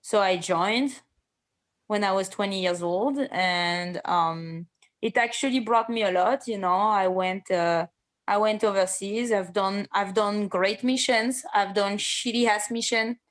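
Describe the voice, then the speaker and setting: Woman, halting chat. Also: medium pitch. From France. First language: French. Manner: hesitant, many fillers and restarts, blunt and swearing at times. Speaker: MMA fighter, interview guest. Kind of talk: casual interview conversation.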